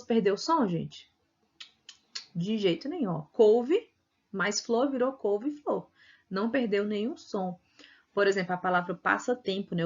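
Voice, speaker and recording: Woman, Brazilian Portuguese accent, teacher, patient explaining, slightly dull lo-fi recording. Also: medium pitch. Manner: explains patiently with frequent tag questions. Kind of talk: recorded video lesson.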